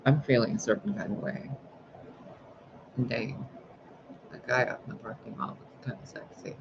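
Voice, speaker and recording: A man rambles through a casual vlog monologue, swearing freely and venting in a loose, conversational way. His voice sits at an ordinary pitch for a man. The recording is dull and lo-fi, with a clear hum of background noise behind him. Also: moderate pace. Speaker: spiritual sign reader.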